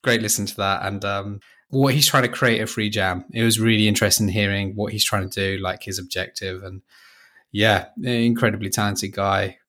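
A man with a fairly low voice co-hosts a casual podcast. He is friendly and informal, chatting and posing questions in loose conversational phrases. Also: steady tone, moderate pace, bright, forceful tone. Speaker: podcast co-host. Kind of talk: casual chat and interviewing.

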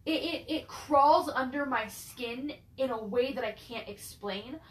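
A woman's voice: high voice, unhurried. A woman in casual chat who swears freely and often stammers and restarts her sentences. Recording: roomy echo.

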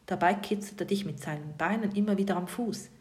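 A woman narrating a bedtime story softly, often in a whisper, and addressing the listener directly. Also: mid-range voice, fairly quick.

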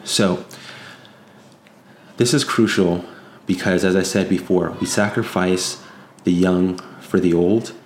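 A low-voiced man gives an off-the-cuff opinion monologue in an echoey room. He is earnest and insistent, moralizing as he warns of threats, and he repeats phrases to drive them home. A faint noise sits behind the voice. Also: steady tone, slow pace, long pauses.

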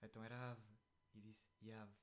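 A man's voice: on the low side, little pitch movement, moderate pace. A young man with a European Portuguese accent, co-hosting a podcast in a rambling, joking, slangy way. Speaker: podcast co-host. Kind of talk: casual chat.

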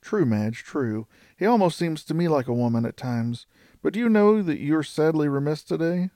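A man's voice: on the high side, expressive, moderate pace, warm tone, dry recording, studio quality, pitched above the performer's own voice. A man voicing a fussy, talkative older spinster aunt who rambles in a prim, old-fashioned way.

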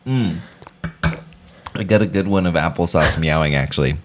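A man's voice: low-pitched, moderate pace, slight background noise. A man co-hosting a casual chat podcast, rambling with many fillers and restarts. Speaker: podcast co-host.

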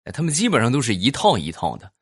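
A man's voice: mid-range voice, huge pitch swings, fast talker, breathy edge, no room sound, clean studio sound. A man hosting a podcast, telling funny stories and reading listener comments while teasing his audience. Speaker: podcast host.

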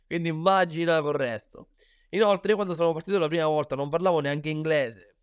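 A professional Muay Thai fighter from Sicily, Italy, tells his own story as an interview guest in a smooth, slightly high voice with a Sicilian accent. He speaks briskly and casually, with colloquial, self-deprecating humor. The recording is close and dry, with no room sound.

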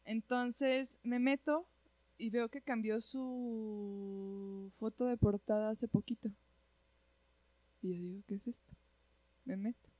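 A woman's voice: a little high, slow pace, pauses often, dry recording. Slangy Mexican woman telling a story. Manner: animated, slangy, often says "güey". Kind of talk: casual chat.

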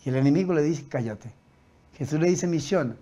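Predicador de voz aguda y enfática. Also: male voice, a little high, very fast, lo-fi sound. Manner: emphatic, rising to loud repetitions; acts out quoted voices in his telling. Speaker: preacher. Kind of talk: sermon.

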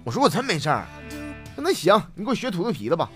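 A man's voice: sits high, racing, faint music behind. A man with a Northeastern Chinese accent hosting a comedy podcast, telling jokes and laughing at them himself. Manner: lively, laughs at own jokes.

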